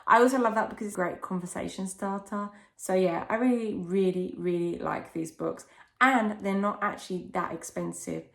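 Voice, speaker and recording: A woman's voice: mid-range voice, normal speed, vocal fry. A young woman chatting casually and enthusiastically as she recommends children's books, explaining things in simple, rambling phrases. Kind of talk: casual chat, book recommendations.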